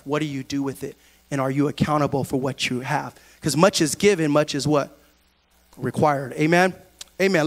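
A middle-aged man preaching a sermon in a large church, on a handheld mic, dropping low and quiet and then rising to shouted preaching. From California. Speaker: pastor.

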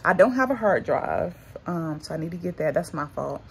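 A woman's voice: deep voice, animated, moderate pace, creaky, slight background noise. A young woman from North Carolina, chatting casually to her viewers in a vlog, a little muffled from the retainers she has in. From North Carolina, USA. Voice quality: talks with retainers in, slightly muffled. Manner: chatty, addresses viewers as y'all and girl. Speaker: vlogger.

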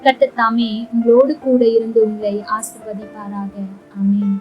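A woman with a high voice delivers a daily devotional sermon, tender and comforting, as if pleading with a listener in distress. Soft music sits faintly underneath her. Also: fairly even intonation, moderate pace, highs cut off. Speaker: devotional speaker.

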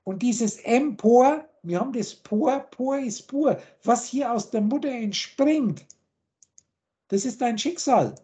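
Mellow-voiced woman lecturing on a call. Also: a little high, lively intonation, takes it slowly. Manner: lecturing, lists words and meanings in long chains. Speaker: teacher explaining word roots. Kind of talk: spiritual lecture on a video call. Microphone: video call.

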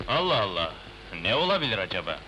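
An actor playing a grave, commanding leader in an old Turkish historical film. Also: male voice, on the low side, very animated, fast, bright, forceful tone. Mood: grave, resolute. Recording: noisy old film soundtrack.

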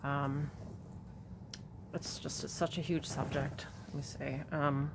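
A middle-aged woman with a low voice reads a prophetic message aloud with deep reverence. She speaks slowly and earnestly in a soft, sincere way, like a devotional host talking to her viewers. A faint hiss of ambient noise sits behind her. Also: little pitch movement. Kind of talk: reading a prophecy aloud and discussing it.

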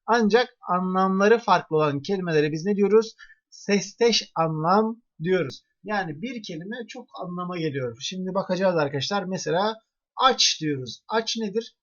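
A man teaches an online grammar lesson, walking through each point and asking his students questions along the way. His voice sits somewhat high for a man. The recording is dull and muffled, with a lo-fi quality. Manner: explains step by step, asking the class rhetorical questions.

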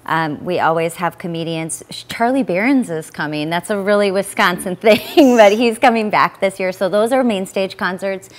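A woman's voice: medium pitch, normal speed, few pauses. A woman in her thirties, a guest on live morning TV, speaking in a friendly, informative way, recorded on a lapel mic in a news studio. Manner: friendly, informative promo talk. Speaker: fair public affairs director, guest.

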